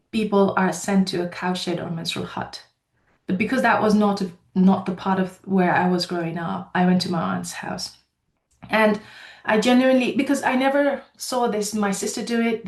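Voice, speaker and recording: A woman's voice: medium pitch, reverberant. A woman from Nepal with a Nepali accent, speaking as a company founder at a webinar and earnestly telling her own story with frequent ums. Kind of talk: webinar talk.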